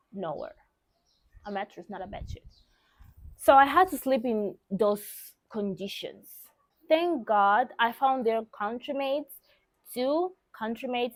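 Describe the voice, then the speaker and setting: Her voice is medium-pitched with no echo. This young adult vlogger from Mozambique speaks with a Mozambican accent, Portuguese being her native language, and recounts personal stories to viewers in a casual, candid, emphatic manner.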